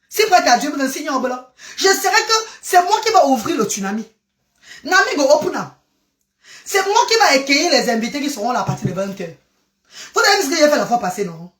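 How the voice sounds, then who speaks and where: A woman chatting in a casual live stream, animated and exclamatory, jumping from one topic to the next. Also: sits high. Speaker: social media live streamer. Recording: roomy echo.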